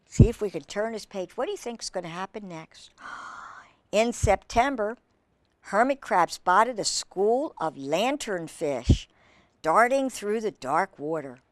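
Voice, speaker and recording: Reading a picture book aloud to children, a woman speaks slowly and expressively, pausing to ask them questions and exclaim over the illustrations. Her voice sits at a medium pitch with lively intonation.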